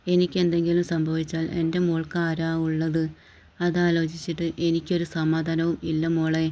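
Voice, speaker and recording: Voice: mid-range voice, monotone, moderate pace, dark tone, lightly acted. A worried ailing father, read by a storyteller. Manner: worried, stubborn. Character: anxious ailing father in a hospital bed. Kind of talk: storybook reading.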